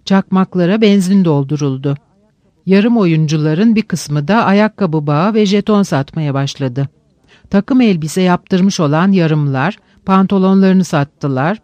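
A man with a high-pitched voice narrates a literary audiobook, measured and reflective with slow pauses. The sound is dry and close to the mic, with no room around it. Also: darkish tone, no echo, dull audio.

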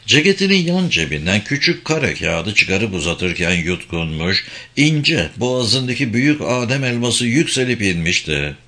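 A man narrates a crime novel in audiobook style with a measured, expressive delivery. His voice is bright and clear in tone. His pitch moves widely and lively through each sentence.

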